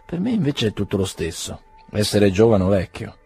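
A man's voice: fairly low pitch, big pitch swings, normal speed, gravelly, mellow, breathy edge, exaggerated voice. A man voicing a blunt, teasing young doctor in a storybook reading.

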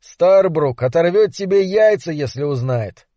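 A man's voice: a little high, lively intonation, a little slow, warm tone, no echo, clean studio sound. A man voicing a smug young male tightrope walker who drawls his remarks, in an audiobook.

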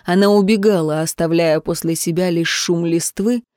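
A woman narrating a romance novel as an audiobook, in an expressive, dramatic reading. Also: lowish voice, moderate pace, no echo, studio quality.

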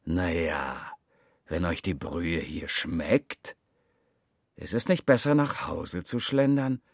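An actor playing a burly, gruff cook in a radio drama, jeering and wheedling at once. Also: male voice, low voice, slow pace, dry recording, clean studio sound, exaggerated voice.

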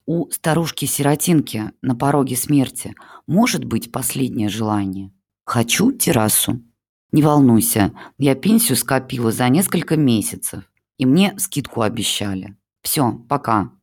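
A narrator voices an audiobook character, an older mother who plays up being a poor old woman while fawning over her son-in-law with theatrical gushing. The reading is mid-range, a little slow, and breathy at the edges.

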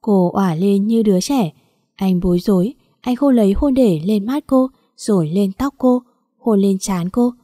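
A woman narrating a story in a steady, unhurried reading manner. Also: medium pitch, no echo, studio quality. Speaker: audiobook narrator.

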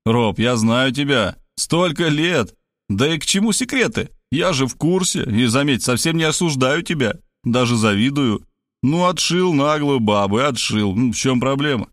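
A man voicing a flustered male old friend who mutters quickly and pleads, in an audiobook reading. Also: mid-range voice, lively intonation, dry recording, clean studio sound, close to an everyday voice. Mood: chiding.

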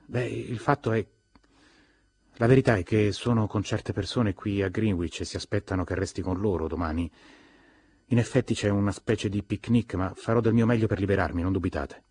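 A man voicing a nervous, evasive young man who talks in a hurried, hedging way on the phone. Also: lowish voice, a little mellow, breathy edge, no echo, voice pushed up.

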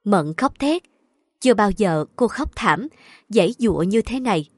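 A woman narrating a dramatic story in a steady storytelling voice. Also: medium pitch, moderate pace, no room sound, clean studio sound.

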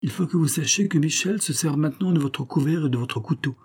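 A man's voice: a little high, a little fast, a little mellow, slightly rough, voice pushed up. A male audiobook reader voicing a talkative, good-hearted working man who fusses over his guest. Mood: cheerful. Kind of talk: audiobook character voice.

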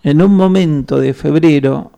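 A man, a guest researcher on a radio show, speaking in a deliberate, emphatic way and hammering his points with repetition. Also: on the high side, creaky, dark tone. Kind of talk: radio talk.

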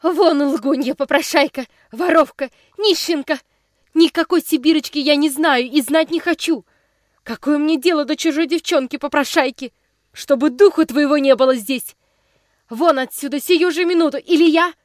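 A woman's voice: sits high, moderate pace, no echo, studio quality, voice pushed up, natural voice. A woman doing a shrieking hostile aunt. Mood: furious. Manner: shrieking, frantic shouting. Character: thin feverish aunt, middle-aged woman, shrill and hostile.

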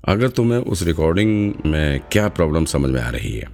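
A man's voice: extremely low pitch, very animated, brisk, creaky, a little mellow, full character voice. A male narrator voicing a stern, seasoned male detective who speaks firmly in an audiobook. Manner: firm, commanding.

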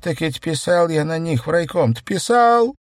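A man voicing a cringing male farm chairman who whines and breaks into a tearful falsetto. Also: measured pace, vocal fry, no room sound, studio quality. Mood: whining.

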